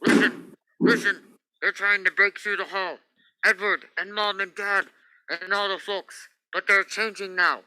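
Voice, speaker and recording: A man's voice: high voice, level tone, unhurried, pushed and bright, slight background noise, full character voice, poor audio. A man playing a desperate, pleading space captain stranded alone on Mars, in old radio drama style. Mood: panicked, pleading. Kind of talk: 1940s-50s radio drama acting.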